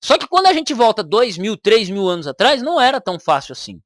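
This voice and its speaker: A woman's voice: on the high side, big pitch swings, quick pace, no room sound, clean studio sound. A woman with a Brazilian Portuguese accent, giving argumentative reaction commentary on a video and repeating her points for emphasis.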